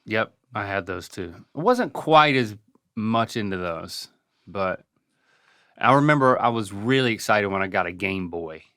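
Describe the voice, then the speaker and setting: A man's voice: lowish voice, lively intonation, a little slow, sharp tone, clean tone, no echo, clean studio sound. A middle-aged man from North Carolina telling casual stories as a podcast co-host, with a wry, self-deprecating manner. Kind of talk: casual storytelling.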